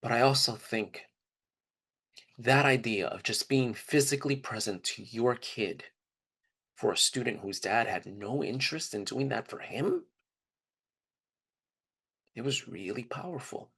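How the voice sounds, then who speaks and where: With long pauses and a measured pace, a man performs a reflective, informal first-person story in a conversational style, acting out the dialogue. His medium-pitched voice is husky and fairly bright.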